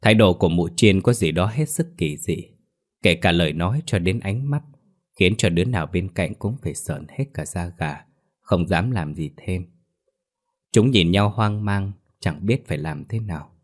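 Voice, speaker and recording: A man narrating a scripted ghost story in a steady, dramatic reading. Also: deep voice, moderate pace.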